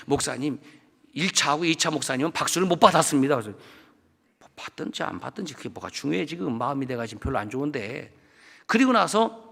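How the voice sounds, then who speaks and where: A man, a guest pastor, preaching a storytelling sermon about his own experiences and acting out the dialogue, jumping between loud bursts and quiet asides. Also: creaky. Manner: animated, acts out dialogue and swings between loud outbursts and low asides. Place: church sanctuary. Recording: long church hall reverb.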